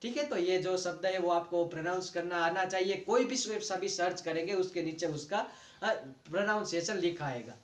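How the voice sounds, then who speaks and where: High-voiced Indian man teaching pronunciation. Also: reverberant. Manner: patient, repeats words slowly to model sounds. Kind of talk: online lesson explaining dictionary pronunciation.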